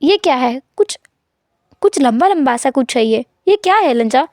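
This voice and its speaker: A woman's voice: high-pitched, expressive, normal speed, a little mellow, no room sound, clean studio sound. A woman voicing a shy, easily embarrassed young man in a storytelling fan fiction, stammering and protesting. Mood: flustered.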